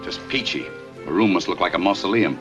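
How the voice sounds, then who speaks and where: A man's voice: low voice, animated, fairly quick, muffled recording, over music. An actor playing a sardonic, jealous man who has groomed a young woman for film stardom. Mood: wry. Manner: sarcastic, wry.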